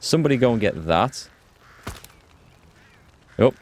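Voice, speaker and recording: Streaming a strategy game live, a man chats loosely, reasons out loud and says hello to viewers by name. His medium-pitched voice is animated but unhurried.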